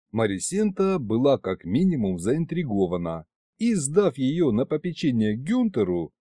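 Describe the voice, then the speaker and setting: Wry male audiobook narrator, mellow. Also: medium pitch, breathy edge, dry recording, clean studio sound. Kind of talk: first-person audiobook narration.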